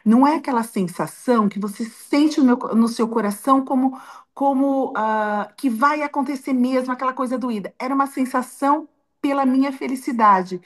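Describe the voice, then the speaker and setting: Her voice sits high and moves at a moderate pace, carrying a Brazilian Portuguese accent. As an interview guest, this middle-aged grandmother from Brazil shares a personal story emotionally, restarting often.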